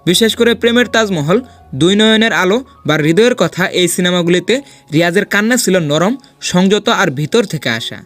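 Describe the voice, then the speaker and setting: A man's voice: sits high, fairly quick, a bit bright, faint music behind. A man hosting a film ranking video, reading a scripted voice-over in a dramatic, persuasive countdown style.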